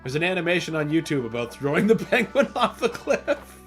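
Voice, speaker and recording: A man's voice: fairly high pitch, sing-song, a little fast, soft background music. A man hosting a gaming livestream, chatting casually and playfully and laughing often as he plays. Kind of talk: casual gameplay commentary.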